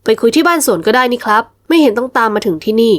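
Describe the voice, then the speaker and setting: Brief: polite, puzzled younger brother, done by a woman, slightly lowered, questioning, dry sound. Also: lively intonation, racing, dry recording, close to an everyday voice.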